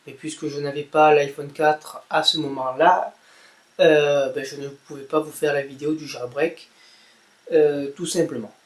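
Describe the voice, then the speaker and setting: Pitched on the high side, his speech stays fairly even in intonation and moves at an ordinary speed. As a tech blogger running through an informal tutorial, he stumbles over fillers frequently and caps each step with "voilà."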